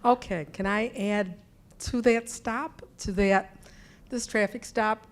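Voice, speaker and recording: An older woman from the audience recounts a run-in at a public meeting, flustered and rambling. She keeps stopping and restarting her sentences. Her voice sits at a middle pitch. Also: fairly even intonation, takes it slowly. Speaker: audience member. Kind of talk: telling a personal story at a public meeting.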